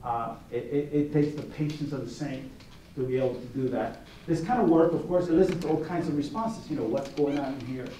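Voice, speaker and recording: A man talks his way through the works on show as a competition juror, stopping and restarting as he drifts into stories. His voice sits a little high but sounds mellow. He is heard from a distance in a very echoey gallery with faint background noise. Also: a little fast. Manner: rambling, many restarts and asides, anecdotal. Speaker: art competition juror giving a gallery talk. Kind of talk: informal gallery talk. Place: art gallery. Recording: roomy echo, distant mic, faint noise.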